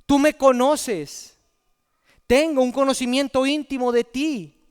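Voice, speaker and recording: A man's voice: extremely high pitch, steady tone, slow pace, clear, resonant tone, in a large hall, voice pushed up. A man voicing foolish young women who plead desperately at a locked door in a sermon. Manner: pleading, repeating the name over and over. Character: desperate foolish virgins begging at a shut door.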